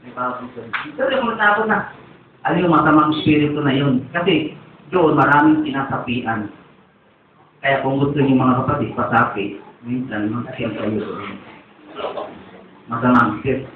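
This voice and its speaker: Preacher sa malayong tinny na recording. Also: male voice, medium pitch, normal speed, long pauses, slight background noise. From Philippines. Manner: rambling storytelling. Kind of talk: testimony sermon. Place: church. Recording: tinny echoey distant church recording.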